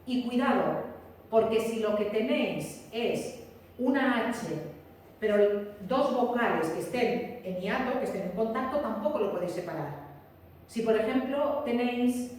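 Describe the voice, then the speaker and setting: A woman's voice: a little high, animated, a little slow, a little mellow. A woman teacher giving a classroom lecture, explaining patiently, repeating key points and checking that her students follow. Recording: roomy echo, distant mic, faint room noise.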